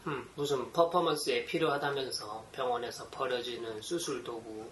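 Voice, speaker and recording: A man's voice: mid-range voice, normal speed, fairly bright tone, a little hiss or hum, close to an everyday voice. A man playing a flirtatious Frenchman who supplies hospital equipment and drops French greetings, recorded from a distance in an echoing room. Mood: matter-of-fact. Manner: flirtatious, casual, French exclamations.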